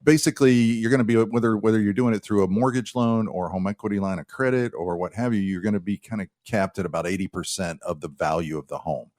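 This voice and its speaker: A man with a fairly low voice hosts a live radio show, talking through home loans in a relaxed and joking way. He restarts his sentences often. His voice sounds close and dry in the studio. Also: quick pace, hardly any pauses, no room sound. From United States. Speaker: radio show host, mortgage lender. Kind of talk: casual radio talk. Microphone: studio microphone.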